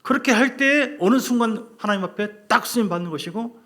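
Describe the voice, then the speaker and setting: A man's voice: sits high, fairly quick. A male pastor preaching a sermon, talking to the congregation in a conversational way and asking them questions. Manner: animated, acts out quarrels in a loud put-on voice.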